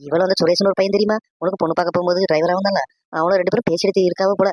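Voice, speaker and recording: A commanding old village matriarch from a cartoon, voiced by the show's performer. She talks fast with a lilt, scolding and giving orders. The sound is dry and close. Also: medium pitch, fairly even intonation, no echo, muffled recording, close to an everyday voice. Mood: bossy. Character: bossy old village woman, sharp-eared matriarch. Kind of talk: animated cartoon dialogue.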